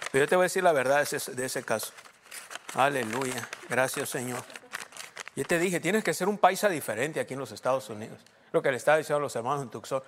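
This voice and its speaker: A man from Mexico with a Mexican Spanish accent, preaching a sermon as a pastor. He drops to low murmurs and then rises to loud, shouted preaching.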